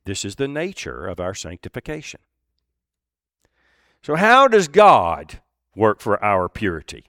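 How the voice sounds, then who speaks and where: A man preaching a sermon, earnest and deliberate, with pauses and emphatic repeats. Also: on the low side, wildly swooping pitch, bright, forceful tone, dry recording, clean studio sound. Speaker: pastor.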